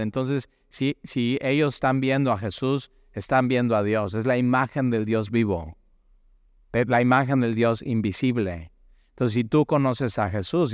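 A man's voice: mid-range voice, clear, resonant tone, no echo, clean studio sound. A man preaching a sermon, emphatic and repetitive, often restarting his words.

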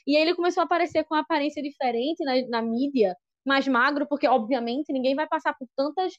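A woman's voice: high voice, no room sound. A Brazilian woman co-hosting a podcast, talking in an emotional way full of fillers. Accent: Brazilian Portuguese. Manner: fast, emotional, lots of fillers. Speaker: podcast co-host. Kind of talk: casual podcast chat. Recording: dull lo-fi sound.

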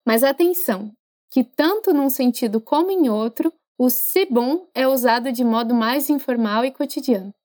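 High-voiced woman teaching French. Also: darkish tone. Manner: chatty, encouraging, slows down to model pronunciation. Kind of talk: podcast language lesson.

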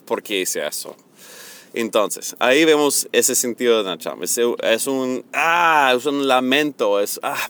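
Man, middle-aged, earnest Bible teacher, slow and explanatory, even mid pitch. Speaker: preacher.

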